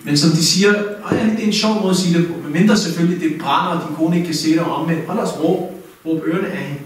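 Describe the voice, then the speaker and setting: A man giving a lively, direct mosque talk as an Islamic teacher, asking his listeners questions. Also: fairly high pitch. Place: mosque hall. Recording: very echoey hall, mic far off.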